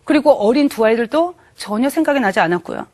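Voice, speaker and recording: A woman with a high-pitched voice gives a personal testimony of faith. She speaks earnestly and with emotion, and she pauses haltingly between phrases. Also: expressive, a little mellow.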